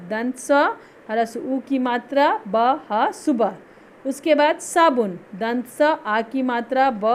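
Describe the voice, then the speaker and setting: A woman teacher speaks in a slightly raised pitch, patiently explaining and repeating words slowly. Her lesson sounds like an online school recording, with a faint hiss in the background. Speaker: Hindi teacher.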